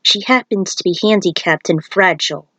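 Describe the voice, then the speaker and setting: A woman with a fairly low, slightly bright voice speaks at normal speed, playing a solemn male thunder god. Like a storybook character, he sounds grave and instructive, using formal, stately phrasing. The recording is dry.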